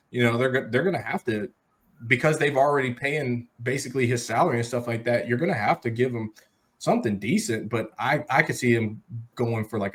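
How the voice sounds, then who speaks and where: A man's voice: medium pitch, fairly bright tone. A man hosting a sports talk show in a casual, conversational style, speaking directly to listeners as he gives his commentary. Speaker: sports podcast host.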